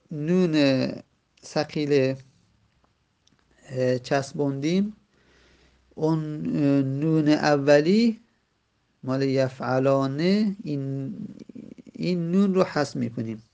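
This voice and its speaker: A man teaching an Arabic grammar lesson, slowly repeating words and drawing out examples with frequent hesitant fillers. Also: a little high, creaky, warm tone, dull audio.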